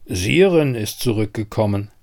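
A skeptical village neighbor, as a male narrator puts him on, dry and mocking in tone. He speaks slowly and unhurriedly, as a figure in a read-aloud story. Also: lowish voice, expressive, darkish tone. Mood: scoffing. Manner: dry, scoffing.

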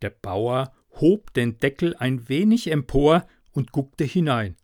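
A man calmly reading a fairy tale aloud as narrator, in even storytelling delivery, into a close mic. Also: mid-range voice, takes it slowly, no echo.

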